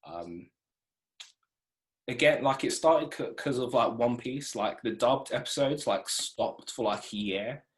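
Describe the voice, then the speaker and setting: A young man hosting a laid-back chat with a guest. He talks in a relaxed, hesitant way with plenty of fillers. His voice sits at a middle pitch for a man. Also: unhurried. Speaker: host. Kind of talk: casual interview chat.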